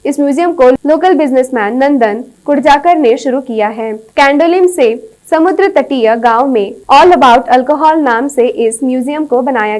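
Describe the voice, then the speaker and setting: A woman news anchor reading a bulletin in an even, formal newsreading manner. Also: sits high.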